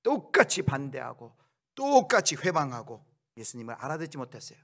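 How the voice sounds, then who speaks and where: A man preaching a sermon as pastor, shifting from quiet explanation to loud acted-out outbursts. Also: mid-range voice, very animated, fairly quick.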